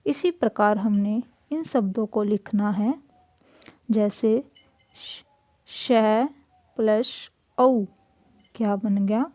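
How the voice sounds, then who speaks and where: A woman teacher going through a school lesson, saying each word slowly and giving its meaning. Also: medium pitch, mellow, dry recording. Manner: slow, deliberate, repeats each word and gives its meaning. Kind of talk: classroom lesson explaining Sanskrit words in Hindi.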